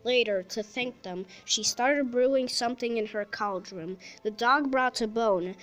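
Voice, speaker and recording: A woman reading a rhyming children's story aloud, with a lively, expressive delivery. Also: fairly high pitch, poor audio.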